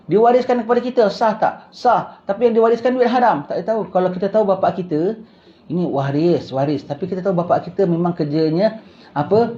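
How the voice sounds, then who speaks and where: Religious teacher, man from Singapore, mellow voice, slightly high, reads slowly then riffs with rhetorical questions; dull lo-fi tape with faint hiss. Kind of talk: religious lecture, reading a book aloud and explaining it.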